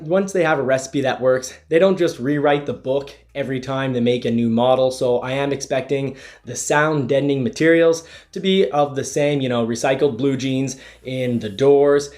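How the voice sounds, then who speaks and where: This man's voice sits on the high side with a darkish tone, and his nose sounds stuffy and congested. He reviews a car casually from inside it, partly while driving, explaining things and frequently restarting his sentences with "you know."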